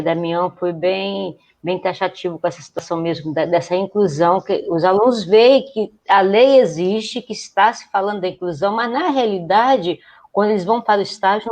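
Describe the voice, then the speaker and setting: A woman's voice: medium pitch, normal speed, darkish tone. A woman who trains teachers speaks in a reflective, conversational way in a live video call, often adding tag questions.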